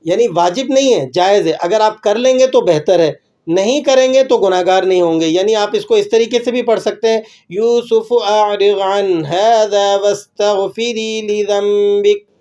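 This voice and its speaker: A man from Pakistan teaching a religious lesson on pauses in Quran recitation, explaining patiently and often checking with his listeners. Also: high-pitched, animated, mellow. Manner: patient explaining, checks in with "right?", slow drawn-out recitation examples.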